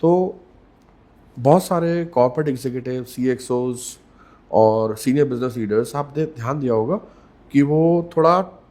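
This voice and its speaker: Medium-pitched and darkish in tone, this communication coach talks in a podcast interview with measured emphasis, repeating key words and mixing English phrases into Hindi.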